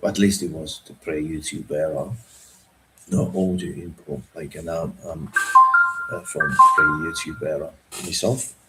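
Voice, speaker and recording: Male streamer, deep and unhurried, filler-heavy, keeps checking in with "right?". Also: fairly even intonation, over loud music, rough recording. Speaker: trading educator. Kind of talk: unscripted livestream talk.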